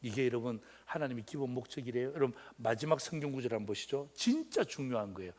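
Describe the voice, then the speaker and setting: A man in his fifties, a pastor preaching a sermon in a joking, animated way, swinging from loud exclamations to quiet asides. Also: mid-range voice, quick pace. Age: 50s.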